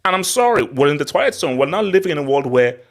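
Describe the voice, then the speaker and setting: A man's voice: a little high, big pitch swings, fast talker. Emphatic man hosting a casual football hangout. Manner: emphatic, repeats phrases for effect. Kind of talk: casual, opinionated football talk.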